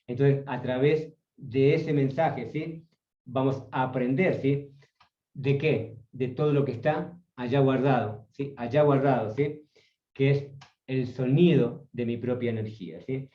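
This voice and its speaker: A man's voice: medium pitch, unhurried. A man teaching an online workshop, checking in with a questioning "sí?" after nearly every phrase. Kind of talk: spoken workshop lecture. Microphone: video call. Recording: roomy, distant, dull video call audio.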